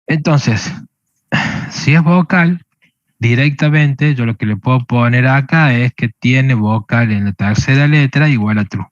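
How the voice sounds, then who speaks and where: A man's voice: mid-range voice, unhurried, no room sound, highs cut off. A man teaching a programming lesson, explaining step by step and checking with a questioning "¿sí?" again and again. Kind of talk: screen-recorded coding lesson.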